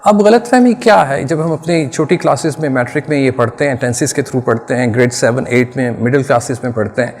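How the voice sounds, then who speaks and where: A man from Pakistan gives an English grammar lesson to children, speaking in Urdu. He explains earnestly and circles back over his points the way a patient teacher does. His mid-pitched voice carries a long reverb tail, as if he were speaking in a hall. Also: fairly quick, few pauses, a little mellow.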